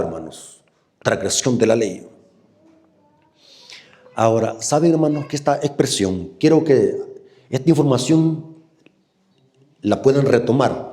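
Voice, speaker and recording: A man with a Salvadoran Spanish accent preaching a sermon, animated and often asking the congregation questions. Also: medium pitch.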